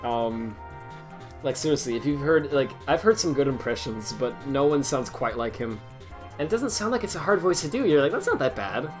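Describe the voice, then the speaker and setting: A man's voice: medium pitch, expressive, normal speed, faint music behind. A man chatting casually on a live stream, rambling and mocking himself as he reads out memes, laughing often.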